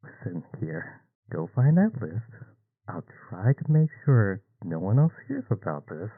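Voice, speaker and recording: A man doing a gruff elf handler on the line. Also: deep voice, sing-song, a little slow, no echo, phone-quality sound, exaggerated voice. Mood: stern. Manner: gruff radio talk, says "over". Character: stern male elf mission handler. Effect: talking through a toy walkie.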